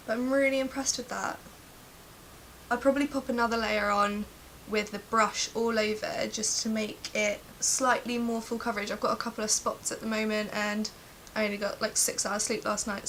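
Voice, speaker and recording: Bright-voiced chatty woman beauty vlogger. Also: a little high, poor audio. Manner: chatty, informal. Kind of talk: casual makeup review to camera. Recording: faint background hiss.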